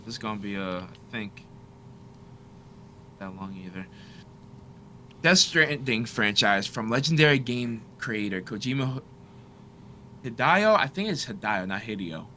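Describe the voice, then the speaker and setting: A man with a bright, forceful voice hosts a laid-back podcast chat. He talks in loose slang and laughs often. He stumbles over names as he reads an article aloud, with a faint hum underneath. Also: mid-range voice, lively intonation, unhurried, long pauses. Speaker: podcast host. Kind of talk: casual chat.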